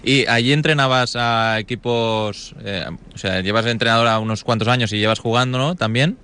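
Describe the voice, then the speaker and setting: Smooth-voiced man hosting. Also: medium pitch, normal speed, pushed and bright. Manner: encouraging, rephrases questions for the guest. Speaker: radio host, interviewer. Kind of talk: casual local radio interview.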